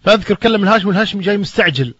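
Speaking very fast in a high, lively, slightly bright voice with a breathy edge, this Kuwaiti Islamic preacher relates an anecdote in his talk. He narrates plainly but performs the dialogue with mounting emphasis, captured in a dull lo-fi recording without echo.

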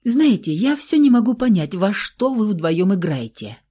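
An indignant young student girl, put on by a woman reading a story aloud snaps and shouts in a raised, swooping voice. The tone stays mellow underneath, read in a storybook manner. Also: medium pitch, big pitch swings, normal speed, breathy edge. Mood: furious. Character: angry rebellious young woman student, near eighteen.

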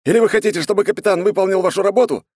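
A man voicing a gruff older sailor who barks orders at the crew in an audiobook. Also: high-pitched, rapid-fire, darkish tone, no echo, studio quality, voice pushed up. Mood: barking. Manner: barking, commanding. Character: gruff male ship's mate shouting orders.

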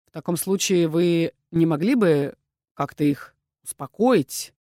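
A woman voicing a sardonic male dragon inquisitor who speaks in a slow, low, mocking drawl. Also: lively intonation, mellow, no room sound, clean studio sound. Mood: sarcastic.

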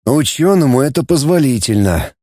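A man playing a scheming, commanding male supreme coordinator who lays out a plan in a brisk, businesslike way. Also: medium pitch, lively intonation, warm tone, dry recording, studio quality, close to an everyday voice.

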